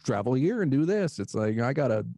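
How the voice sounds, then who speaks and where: Easygoing man host, mellow and dry. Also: medium pitch, big pitch swings, moderate pace, no echo. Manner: easygoing, laughs often. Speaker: podcast host. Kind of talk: casual interview chat.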